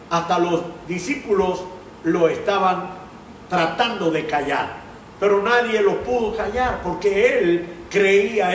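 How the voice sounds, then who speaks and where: A man preaching as a pastor, slow and earnest, at times breaking into song. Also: high-pitched, far from the mic, a little hiss or hum. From Panama. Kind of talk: sermon with singing. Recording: roomy sound from off-mic.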